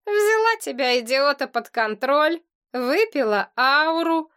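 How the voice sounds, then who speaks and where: Exasperated demon clan head, middle-aged man, sarcastic and scolding, read by a woman in an audiobook, pitched fairly high. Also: expressive, slow pace, fairly bright tone, heavily acted. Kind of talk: audiobook character reading.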